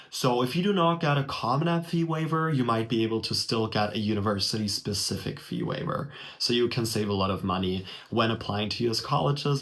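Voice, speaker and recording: Speaking German as his native language, this young adult vlogger explains a college application in a relaxed tutorial style. He addresses the viewer directly and warmly, his mid-range voice slightly bright, recorded close on a webcam in a small room.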